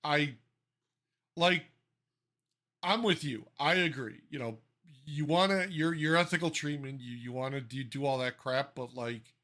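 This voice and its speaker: Podcast guy going off, swearing a lot, kinda higher voice, keeps restarting. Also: a little slow, pauses often, sharp tone. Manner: profane, ranting, exasperated, many restarts. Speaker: podcast co-host. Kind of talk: casual podcast chat.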